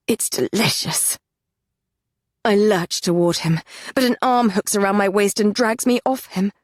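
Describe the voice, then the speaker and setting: A woman's voice: medium pitch, dry recording, studio quality. A woman narrating a first-person fantasy romance audiobook with an intense, dramatic delivery.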